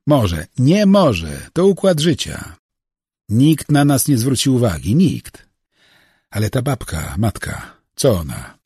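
A man's voice: mid-range voice, huge pitch swings, takes it slowly, warm tone, husky, dry recording, studio quality, voice pushed up, full character voice. A man voicing a jumpy, foul-mouthed getaway driver. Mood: uneasy. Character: nervous, crude male getaway driver.

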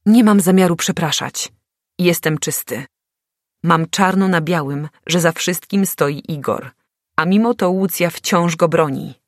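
A woman's voice: fairly low pitch, a little slow, no echo, clean studio sound, close to an everyday voice. A woman reading an audiobook, voicing an angry young man who speaks reproachfully and hisses through clenched teeth. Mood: hissing.

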